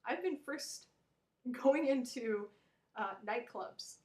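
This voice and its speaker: A woman's voice: animated, slow, darkish tone, poor audio. An American woman vlogger delivering a blunt, opinionated, rambling rant to camera, with frequent restarts. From United States. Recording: low-volume home recording.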